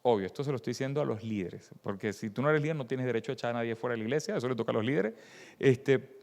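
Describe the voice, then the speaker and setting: A man giving a workshop sermon and telling a story with animated delivery, his voice moving between loud cries and quiet, stressed words. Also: medium pitch, very fast, creaky. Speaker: preacher leading a church workshop. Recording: long hall reverb.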